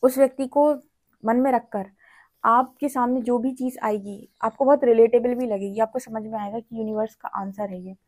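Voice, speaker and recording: A woman with a somewhat high voice gives a tarot reading. She talks in a gentle, explanatory way and keeps checking in with her listener as she goes. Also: fairly even intonation, moderate pace. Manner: gentle, explanatory, repeats "theek hai". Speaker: tarot reader. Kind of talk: spiritual reading to camera.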